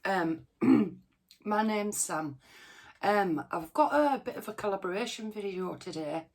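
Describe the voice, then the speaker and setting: Slow, poorly-sounding British woman with sore throat. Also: mid-range voice, expressive, darkish tone. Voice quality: strained, under-the-weather voice. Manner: hesitant, rambling, informal. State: sore throat and congested chest, short of breath. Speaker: cooking channel host. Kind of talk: casual chat to viewers.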